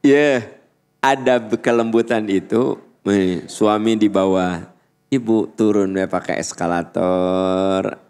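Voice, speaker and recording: A middle-aged man with a Sundanese accent giving a sermon, humorous, often mimicking shouted voices. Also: smooth. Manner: humorous, acts out high-pitched shouting voices. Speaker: preacher.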